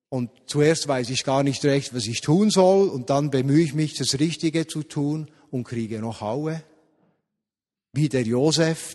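A man's voice: medium pitch, darkish tone, long reverb tail. A middle-aged man preaching a sermon, retelling a story and asking the congregation questions in a conversational way.

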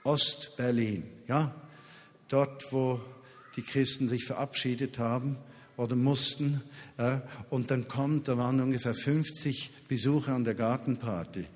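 Male preacher, mid-pitched, emphatic, repeats lines for effect, reverberant hall. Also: steady tone, measured pace. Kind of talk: sermon with personal stories. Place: large hall at a summer festival.

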